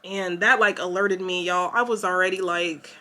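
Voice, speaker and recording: Young woman, bright voice, chatty emotional storytelling vlogger. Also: lowish voice, steady tone, normal speed. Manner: chatty, emotional retelling with many fillers. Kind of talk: casual story time to camera.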